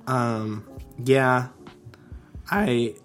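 A man co-hosting a podcast in casual chat, playful and quick with reactions and asides. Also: mid-range voice, fairly bright tone, faint music behind. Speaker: podcast co-host.

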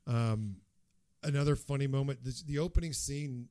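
A man co-hosting a podcast, telling film trivia in a relaxed, chatty way. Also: medium pitch, normal speed, no room sound. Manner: relaxed storyteller, shares trivia. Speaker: podcast co-host. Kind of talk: casual film discussion.

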